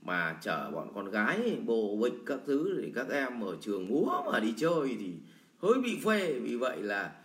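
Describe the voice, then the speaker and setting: A man's voice: lowish voice, very animated, normal speed, few pauses, a bit bright. A man teaching sales in a blunt, colloquial lecture full of everyday examples. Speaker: sales trainer. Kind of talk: lecture answering a viewer question. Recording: roomy echo.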